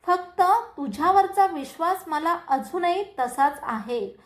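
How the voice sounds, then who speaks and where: A shaken young man from a narrated love story presses with earnest questions, as a woman reads him. The delivery is high and slow, every word stretched out. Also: animated.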